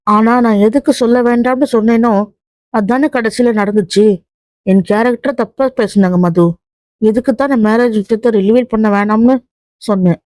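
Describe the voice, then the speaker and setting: A woman's voice: a little high, steady tone, normal speed, darkish tone, no echo, natural voice. A woman voicing a hurt young wife who pours out her grievances to her husband in a run of reproachful questions. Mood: aggrieved.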